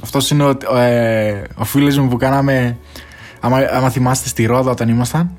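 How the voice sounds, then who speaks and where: A man's voice: mid-range voice, faint music behind. A young man hosting his own podcast, talking casually and swearing freely, with English phrases mixed in. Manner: slangy and animated, mixing in English phrases and swearing. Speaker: podcast host. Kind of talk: casual solo chat.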